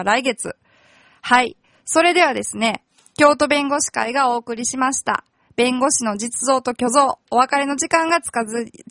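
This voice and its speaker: High-voiced woman lawyer on radio. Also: a bit bright, dry recording, studio quality. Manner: patient, explains terms step by step; corrects herself mid-sentence. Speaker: lawyer hosting a community radio show. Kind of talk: casual explanatory radio talk.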